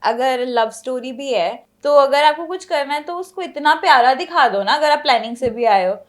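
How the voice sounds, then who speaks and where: A woman's voice: high-pitched, expressive, normal speed. A young woman speaking as an interview guest, chatting casually and animatedly, laughing as she tells stories, mixing in English phrases. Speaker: interview guest, friend of a contestant. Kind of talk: casual interview chat in Hindi with English mixed in.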